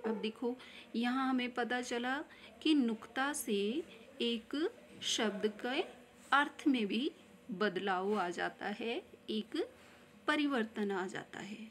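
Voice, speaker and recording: A woman teaching a Hindi grammar lesson, slowly repeating each example word and often checking in with her class. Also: fairly high pitch, a bit bright. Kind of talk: slow explanatory classroom lesson.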